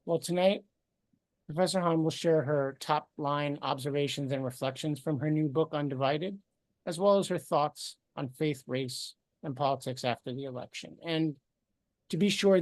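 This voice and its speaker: A man's voice: fairly high pitch, darkish tone, dry recording. Earnest man introducing a guest speaker. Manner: earnest, measured. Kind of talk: formal introduction.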